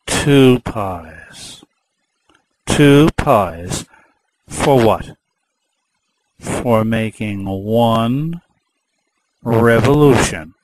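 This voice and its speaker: A man's voice: mid-range voice, lively intonation, drawn-out words, long pauses, dry recording, poor audio. A man teaching a math lesson patiently, repeating key words and explaining through a simple story.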